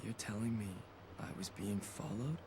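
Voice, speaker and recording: A man's voice: on the low side, moderate pace, warm tone, natural voice. An actor playing a terse, impatient young man in a video game, curt and guarded. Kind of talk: English video game voice acting. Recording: clearly noisy game audio with ambience.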